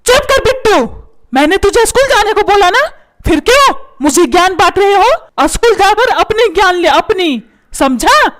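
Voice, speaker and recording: A tight-fisted, short-tempered cartoon husband, voiced by a woman barks out sarcastic threats in a very high voice that leaps up and down. The delivery is comic dubbing, quick to scold. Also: expressive, fairly bright tone. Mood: threatening. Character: stingy, short-tempered middle-aged husband.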